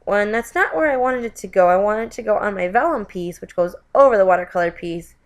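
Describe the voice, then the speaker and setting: A woman with an animated, fast, mid-range voice narrates a card-making tutorial voiceover, sounding stuffy from a lingering cold. As the craft video host, she's chatty, often corrects herself, and keeps saying "you guys".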